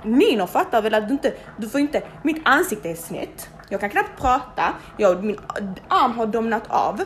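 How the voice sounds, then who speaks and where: Young woman, casual storytelling, lively, swears a lot, faint background hiss. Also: on the high side. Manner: animated, swears freely, acts out quoted people.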